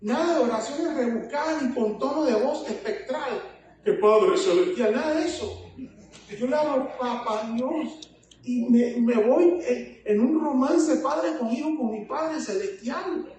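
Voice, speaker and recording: A woman's voice: sits high, unhurried, warm tone. Fervent woman preaching in an echoey hall. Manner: fervent, keeps addressing listeners as "hermano". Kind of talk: sermon. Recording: echoey hall, distant mic, faint noise.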